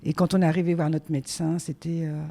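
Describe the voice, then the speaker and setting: A woman in her forties, a guest on her son's show, talking casually and hesitantly with many filler pauses. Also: low-pitched, flat delivery, mellow. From France. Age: 40s. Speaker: guest, the host's mother. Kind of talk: casual conversation.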